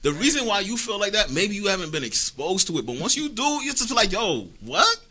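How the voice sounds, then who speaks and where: A man's voice: high-pitched, sing-song, fast, bright, forceful tone. A man on a panel, speaking emphatically and plainly in a casual chat.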